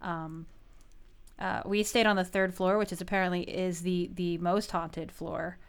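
A woman's voice: on the low side, level tone, a little slow, smooth. A woman in her thirties co-hosting a podcast, chatting casually with lots of "like," restarts and giggles. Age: 30s. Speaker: podcast co-host. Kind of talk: casual chat.

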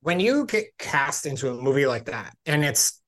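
A man's voice: mid-range voice, big pitch swings, normal speed, fairly bright tone. Male host in his forties, chatty and rambling, leans on fillers when he asks questions. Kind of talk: interview chat.

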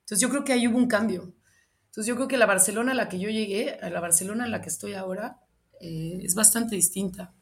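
A woman's voice: mid-range voice, fast. Mexican woman telling stories in an interview. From Michoacán, Mexico. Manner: animated storytelling, acts out quoted lines. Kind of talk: reflective interview answers.

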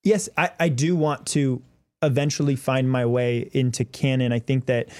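A man's voice: mid-range voice, fairly even intonation, normal speed, a little mellow. A man co-hosting a casual group chat, playful and jokey, rambling with restarts. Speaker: co-host.

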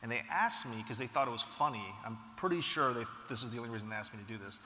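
Animated man speaking in an echoey hall. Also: mid-range voice, rapid-fire. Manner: animated storytelling, frequent restarts and "you know". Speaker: company founder being interviewed. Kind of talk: casual conversational interview. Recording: echoey hall with long reverb.

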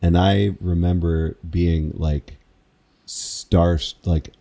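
A man's voice: sits low, fairly even intonation, extremely slow, gravelly, mellow. A man who calls square dances, recalling in a casual interview how he learned his craft, in a meandering, reflective, self-amused way.

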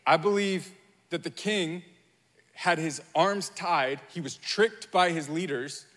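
A man preaching a sermon, retelling a Bible story with animated energy and slipping into the voices of its people. His voice sits fairly high for a man. It carries the long reverb of a large hall. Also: takes it slowly. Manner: animated storytelling, acting out Bible figures in quotes. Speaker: pastor.

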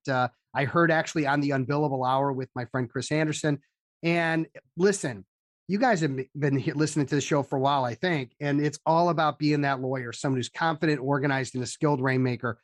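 A man's voice: a little high, no room sound, studio quality. A man hosting a podcast in a casual, jokey, informal interview style. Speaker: podcast host.

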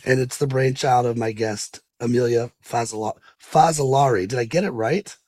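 A man's voice: medium pitch, moderate pace, a little mellow. A man hosting a podcast interview, talking loosely with many fillers and restarts. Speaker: podcast host.

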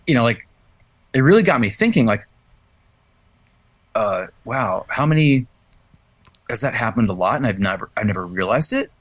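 A man's voice: mid-range voice, fairly bright tone, dry recording. Thoughtful man musing in a dry studio. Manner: thoughtful, searching, restarts phrases. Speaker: podcast host, musician. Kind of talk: casual chat.

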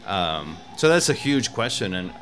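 A man's voice: low voice, big pitch swings, normal speed, fairly bright tone, soft background music. A man who was born in Mexico, talking in a rambling, casual way as a guest about food and cooking. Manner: rambling, many restarts and fillers. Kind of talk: casual conversation.

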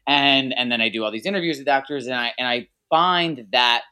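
A man's voice: medium pitch, a little fast, bright, forceful tone, smooth. A man from New Jersey, a casting director hosting an interview, chatting in a rambling, casual way.

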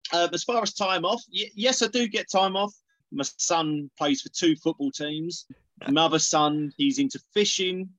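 A man's voice: on the high side, moderate pace, a bit bright, no room sound. A middle-aged man with an Essex accent talking casually as an interview guest, hesitating and repeating words as he thinks. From Essex, England. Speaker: podcast guest, organic dairy farmer.

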